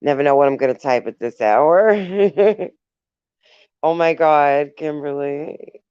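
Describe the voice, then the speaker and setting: Reading out viewer comments on a casual live stream, a woman laughs frequently and talks warmly to her audience. She speaks slowly in a low, clear, resonant voice with a darkish tone, and the lo-fi recording has no room sound.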